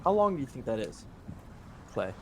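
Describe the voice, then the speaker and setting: A man's voice: mid-range voice, very animated, background noise. A man chatting and joking among friends during a casual tabletop game session. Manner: joking, quick to laugh. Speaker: player.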